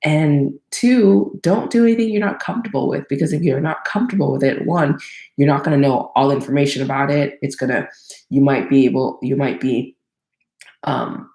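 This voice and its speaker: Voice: medium pitch, normal speed, a little mellow. A crowdfunding consultant from Thailand giving casual solo advice, rambling with many fillers and self-corrections. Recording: roomy echo.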